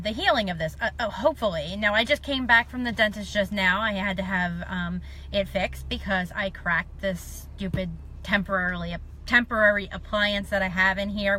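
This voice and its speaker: A middle-aged woman chats casually and self-deprecatingly on a live stream, her mid-range voice bright and forceful. A dental appliance gives her a slight lisp.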